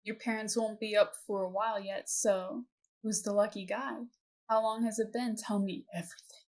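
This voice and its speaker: A woman's voice: medium pitch, fairly even intonation, normal speed, darkish tone, lightly acted. A woman reading aloud as a playful, prying aunt who teases her niece about boys, in an affectionate, nosy manner. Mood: teasing. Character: teasing, nosy adult aunt.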